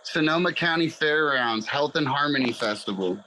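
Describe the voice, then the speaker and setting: A man guesting on a podcast, telling stories in animated, profane casual chat and acting out what others said. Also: on the high side, moderate pace, crowd noise, rough recording. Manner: animated storytelling with acted quotes and swearing.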